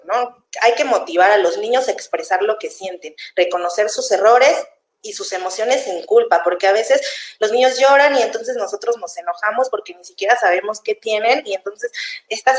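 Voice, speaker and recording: A young woman, explaining child development in a chatty, casual way and laughing easily. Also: fairly high pitch. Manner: warm, chatty, laughs easily, acts out parents' voices. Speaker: child development specialist guest. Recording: echoey room.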